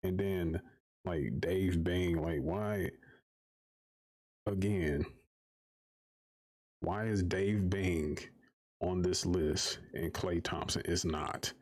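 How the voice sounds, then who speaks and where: A man with a low, deep voice rants on a live stream. He swears freely and circles back on his points in exasperation, talking casually to his viewers. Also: drawn-out words, pauses often, a little mellow. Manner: profane, exasperated, repeats himself while arguing.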